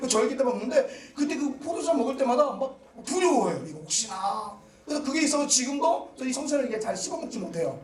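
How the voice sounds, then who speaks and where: A male pastor preaching a sermon, emphatic, with rising shouts and many rhetorical questions. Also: extremely high pitch, sing-song, fast talker, few pauses, slight background noise. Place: church sanctuary. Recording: echoey church hall, mic at a distance.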